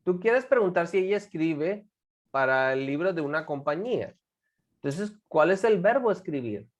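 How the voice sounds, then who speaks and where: A woman's voice: fairly low pitch, lively intonation, moderate pace. A woman teaching an English class, patiently coaxing students with guiding questions and drilling pronunciation by repeating words.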